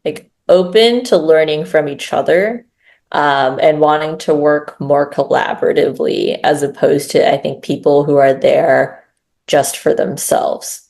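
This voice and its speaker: Low, gravelly-voiced woman chatting casually. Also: a little slow, a little mellow. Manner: chatty, filler-heavy, frequent tag questions. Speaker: growth lead, interview guest. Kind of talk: casual interview talk.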